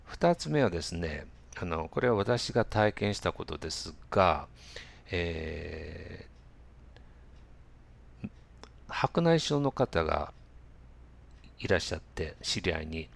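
A man giving a relaxed spoken lesson on pronunciation, using many fillers and repeating example words slowly. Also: sits low, vocal fry. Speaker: English pronunciation teacher.

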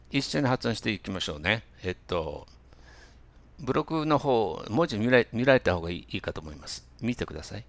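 A man teaching English pronunciation, reading minimal-pair drills slowly and carefully, then explaining in calm speech. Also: on the low side, gravelly, no echo. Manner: slow, careful drill reading, words louder than the talk.

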